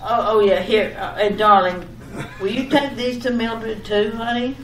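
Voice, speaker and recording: In an old-time radio comedy sketch, a woman plays a fussy, scatterbrained wife who gives repetitive, overly detailed instructions in a chatty way. Her voice sits on the high side, sounds close to everyday speech, and stays steady and unhurried. It's captured in an echoey room on a distant mic with faint noise.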